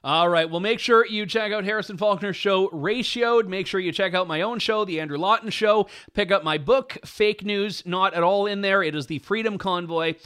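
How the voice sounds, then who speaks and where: Guy co-hosting a news show, high clear bright voice, sarcastic and amused. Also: moderate pace, few pauses. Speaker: co-host. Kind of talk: opinionated news commentary.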